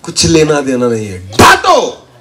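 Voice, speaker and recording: Animated preacher man, pitch leaping about. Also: a little slow. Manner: animated preaching with sudden shouts; quizzes the congregation, asks them to repeat answers. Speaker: pastor. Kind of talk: call-and-response sermon.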